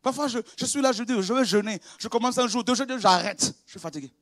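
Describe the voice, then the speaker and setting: Guy preaching a sermon, really high voice, goes from quiet chatty bits to shouting, dry close sound. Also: fast, no room sound. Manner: impassioned, swings from quiet confiding to shouted exclamations; conversational, with laughs and repetitions. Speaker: pastor.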